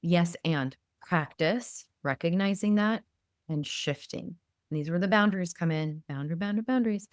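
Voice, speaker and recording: A woman hosting a talk podcast in a lowish voice, thoughtful and personal as she asks questions. The sound is close and dry, with no echo. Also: moderate pace. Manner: reflective, draws on her own experience. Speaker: podcast host. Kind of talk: podcast interview, casual chat.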